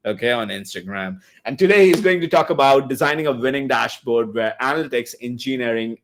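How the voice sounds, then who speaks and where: Joking man introducing a speaker. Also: fairly low pitch. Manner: joking, chatty, with laughs and fillers. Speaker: meetup host introducing speakers. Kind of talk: casual online meetup introduction. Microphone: video call.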